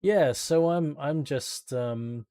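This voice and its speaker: A man's voice: a little high, takes it slowly, dark tone, no room sound, clean studio sound. An Australian man streaming games, chatting in a casual, rambling, laid-back and sweary way. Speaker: game streamer. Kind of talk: casual rambling livestream chat.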